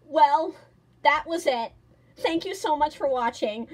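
A woman's voice: high voice, expressive, moderate pace. A young woman hosting a fan video, talking casually to her viewers. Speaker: fan dubber, video host. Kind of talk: casual vlog narration.

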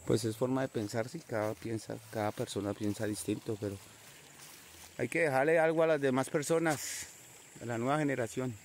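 A man's voice: medium pitch, fairly even intonation, moderate pace, a little hiss or hum. A man narrating a casual outdoor metal detecting vlog, chatty and constantly addressing his viewers as friends. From Colombia. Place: outdoors in nature.

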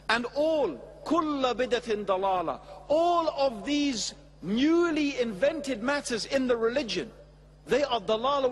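A middle-aged man giving a measured, emphatic religious lecture at a stand mic on a large studio stage before an audience. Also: extremely high pitch, in a large hall, slight background noise. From England. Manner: measured, emphatic, with expressive hand gestures. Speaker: Islamic preacher. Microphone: stand mic at a lectern.

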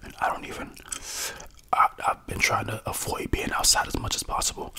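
A man's voice: brisk, pushed and bright. A young American man giving a casual, slangy, rambling ASMR whisper close to the mic while chewing gum. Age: young adult. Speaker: ASMR creator and podcaster. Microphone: close desktop condenser mic with foam cover.

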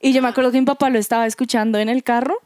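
Chatty young woman, fairly high voice. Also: steady tone, rapid-fire, darkish tone, dry recording, studio quality. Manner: chatty storyteller, acts out quoted lines. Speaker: youth church band member. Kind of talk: casual chat.

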